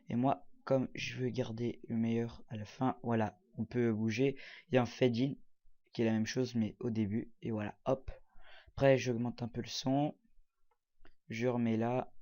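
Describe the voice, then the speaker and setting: A man's voice: mid-range voice, darkish tone, dull audio. A man casually walking viewers through a video-editing program, talking while he clicks, with many hesitations and fillers. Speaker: tutorial presenter. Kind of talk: casual screen-recorded software tutorial.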